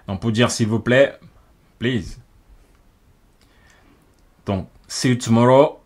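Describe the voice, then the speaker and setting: Guy going through english phrases slowly, says each one twice, normal pitch. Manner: repeats each phrase in both languages, slows down for the English. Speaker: English teacher. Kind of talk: French-language English lesson, phrase by phrase.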